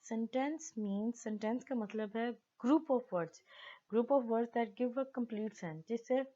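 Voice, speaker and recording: A woman teaching basic grammar, explaining in Hindi-Urdu and slowly reading definitions aloud. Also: a little high, warm tone, highs cut off. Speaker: English teacher.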